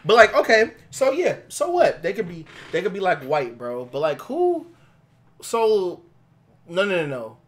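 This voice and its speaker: A man co-hosting a casual podcast chat, excitable and laughing, often cutting in and saying "bro". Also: sits high, unhurried. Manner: excitable, laughing, interrupting, says "bro" a lot. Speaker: podcast co-host.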